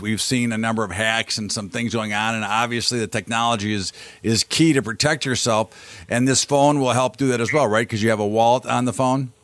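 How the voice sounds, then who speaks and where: Host, man in his 60s, mid pitch, hesitant questioning, dry close sound. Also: a bit bright, no echo. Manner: hesitant, filler-heavy questions. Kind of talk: radio interview.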